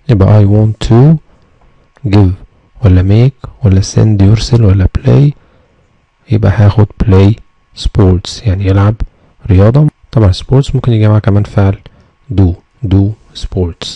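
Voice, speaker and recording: Egyptian man, English teacher, walks through review answers, husky voice, dull dry recording. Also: lowish voice, no room sound. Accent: Egyptian Arabic. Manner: explains step by step, asks questions then answers them. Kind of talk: exam review lesson.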